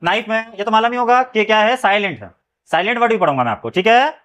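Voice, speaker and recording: A man teaches phonics rules. He spells words out slowly, letter by letter, then stops to check that his students have followed. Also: high-pitched, expressive, a bit bright, muffled recording. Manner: spells words letter by letter, keeps asking "clear?". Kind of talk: phonics lesson.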